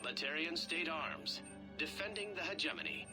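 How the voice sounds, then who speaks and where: A polished male shop announcer delivers supermarket-style announcements in a slightly raised voice. His patter is smooth and promotional, and game music plays clearly behind him. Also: on the high side, normal speed, poor audio.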